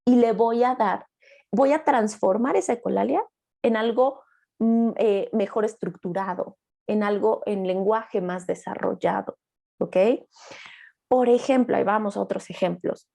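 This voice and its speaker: A woman's voice: medium pitch, unhurried, creaky, warm tone. A young adult woman therapist giving an online master class, explaining patiently and acting out short lines of children and parents.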